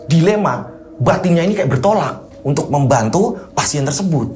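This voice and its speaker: A man's voice: on the high side, lively intonation, normal speed, a little mellow, slight background noise. A man telling a spooky story in a casual, chatty way, often tossing in tag questions. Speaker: horror story narrator.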